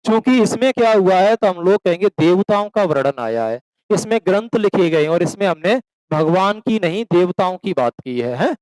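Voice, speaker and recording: A man's voice: high voice, lively intonation, normal speed, hardly any pauses, darkish tone, dry recording, poor audio. A man teaching a classroom lecture, asking questions and answering them himself, addressing students as beta and slipping into rural dialect for examples. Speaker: coaching teacher.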